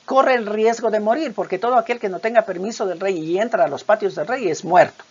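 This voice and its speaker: Una mujer que predica un sermón, con voz ronca, leyendo pasajes bíblicos con expresividad y muletillas entre ideas. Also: female voice, mid-range voice, fairly quick, slightly rough. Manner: expressive Bible reading with dramatic voiced quotes; hesitant fillers between points. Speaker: preacher. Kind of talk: sermon. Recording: dull lo-fi recording.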